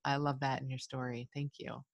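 A woman hosting a podcast on a video call, affirming her guests and thinking out loud in a conversational way. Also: extremely low pitch, little pitch movement, brisk, vocal fry, dry recording. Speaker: podcast host. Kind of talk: conversational interview. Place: home room indoors. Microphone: video call with earbuds.

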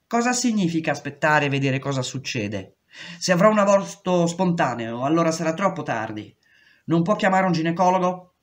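A woman's voice: low voice, lively intonation, moderate pace. A woman reading aloud, voicing a frightened pregnant young woman in prison who pleads urgently. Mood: pleading. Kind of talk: audiobook reading.

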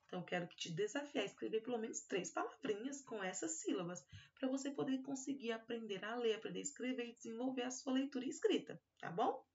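A Brazilian-accented kindergarten teacher gives a recorded class for young children, slowly drawing out her syllables and speaking fondly with little words for the kids. Her voice is on the high side with a darkish tone, and the audio is dull.

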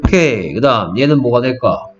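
A man's voice: mid-range voice, big pitch swings, fairly quick. A man tutoring English phonics one-on-one, quizzing his student on letter sounds. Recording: dull lo-fi audio with music.

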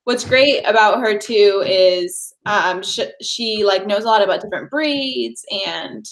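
A woman's voice: mid-range voice, measured pace, low-quality recording. A woman in her twenties chatting casually on a home livestream over a webcam, bubbly and full of fillers. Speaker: livestream host. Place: living room at home, indoors. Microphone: webcam at desk distance.

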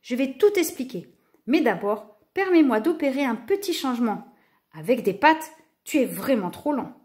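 A woman voicing a kind male sea god king in a storybook, speaking in a calm, regal way. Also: a little high, normal speed, lightly acted.

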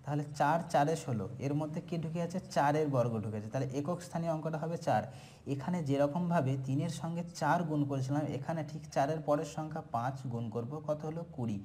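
A man teaching a maths shortcut, counting through sums aloud in steady lists and answering his own questions. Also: fairly high pitch, quick pace. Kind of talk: step-by-step maths lesson.

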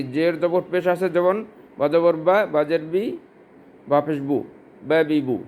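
A man's voice: on the high side, a little hiss or hum. A man from Bangladesh, teaching Quran pronunciation and asking questions he then answers himself. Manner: explains slowly with rhetorical questions, drawn-out Arabic examples. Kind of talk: religious lesson on Quran pronunciation.

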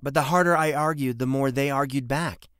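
A man's voice: mid-range voice, brisk, fairly bright tone, clean tone, dry recording, studio quality, voice pushed up, lightly acted. Man doing an eager young daughter. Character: young woman, a spirited daughter.

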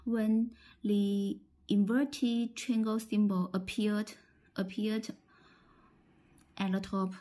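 A woman with a Chinese accent demonstrates a product step by step, haltingly, and repeats phrases often. Her voice sits in the mid range, with a level tone and a dark quality.

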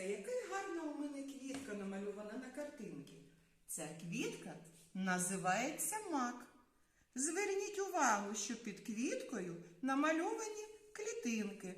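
A woman teaching small children, speaking slowly and in a lively sing-song voice that swings up and down. Her voice sits fairly high and she stretches out each word. The sound is very echoey, as if from a bare room. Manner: sing-song, drawn-out words with long pauses. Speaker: preschool teacher. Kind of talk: slow, clear lesson for small children.

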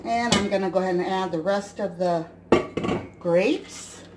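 A woman's voice: medium pitch, measured pace, very noisy. A woman in her forties casually explaining a recipe step by step while cooking in her home kitchen, recorded on the camera mic. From US Midwest. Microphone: camera mic at counter.

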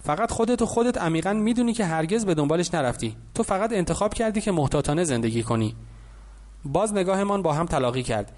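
A man's voice: high-pitched, expressive, a little mellow. A man narrating an audiobook, reading steadily and lightly voicing the characters in the dialogue.

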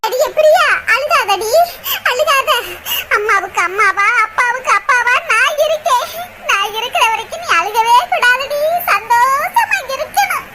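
A woman's voice: extremely high pitch, lively intonation, a little slow, exaggerated voice. A woman voicing a caring elder sister in a cartoon, tenderly scolding and consoling her younger sister. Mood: firm. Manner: scolding yet tender, half-laughing through sorrow. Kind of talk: cartoon voice acting. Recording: loud background noise.

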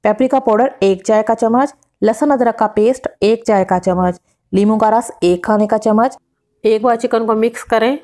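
A woman, narrating a cooking recipe as the channel host, giving calm step-by-step instructions with exact measurements. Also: on the high side, moderate pace.

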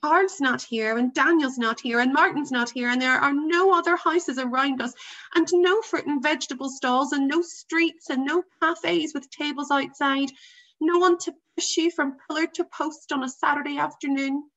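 A woman's voice: high voice, moderate pace, fairly bright tone, voice pushed up. A woman doing a pleading, stubborn young boy. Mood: insistent. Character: unhappy nine-year-old boy, honest and stubborn. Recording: dull lo-fi recording.

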